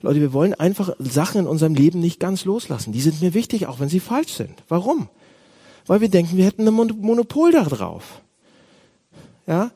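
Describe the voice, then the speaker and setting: A man preaching a sermon as a pastor, animated, swinging between loud outbursts and hushed asides. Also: high-pitched, fairly quick, slightly rough.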